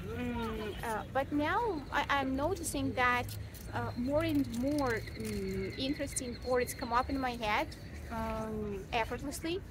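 Holding her phone camera at arm's length in a city park, a Ukrainian woman whose first language is Russian chats casually for her vlog in a fairly high voice. She is talkative, laughs a lot and fills many pauses, with the surrounding outdoor noise clearly audible.

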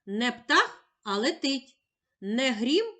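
A woman teacher giving a slow, scripted lesson to young children, drawing out syllables clearly. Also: fairly high pitch, animated, pushed and bright.

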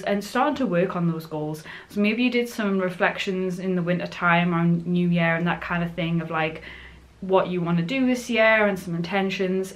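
Low-pitched young Northern English woman, chatty. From Northumbria, northern England. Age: 20s. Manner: informal, chatty. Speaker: vlogger. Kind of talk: casual chat to camera. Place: furnished living room indoors.

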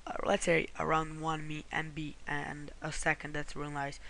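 A man's voice: on the high side, completely flat delivery, moderate pace, creaky, pushed and bright, slight background noise. A man from Croatia, talking through a screen-recorded how-to walkthrough in a rambling way, often correcting himself and apologizing. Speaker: tutorial host.

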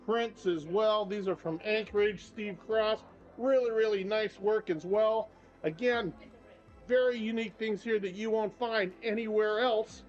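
Walking through the shops and streets of a small town, inside and out, an older travel vlogger and tour guide chats cheerfully while filming on a handheld camera. His voice sits high and moves at a measured pace; the audio is a bit dull, with faint background music.

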